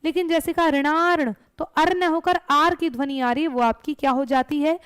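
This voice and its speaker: A woman's voice: high voice, fairly even intonation, moderate pace, a bit bright, no echo. A woman teaching a grammar lesson for exam preparation, explaining step by step and answering her own questions.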